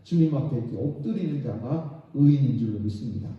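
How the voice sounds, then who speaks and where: A man's voice: mid-range voice, expressive, brisk. A middle-aged man preaching a sermon as pastor, dramatically acting out the voices of God and sinners. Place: church sanctuary. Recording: very echoey church hall, distant and dull.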